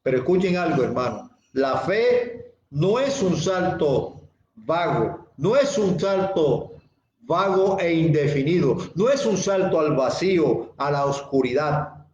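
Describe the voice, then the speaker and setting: A male pastor preaching a sermon slowly and deliberately, repeating key phrases and speaking straight to his listeners. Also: a little high, animated, a little mellow, echoey room, lo-fi sound.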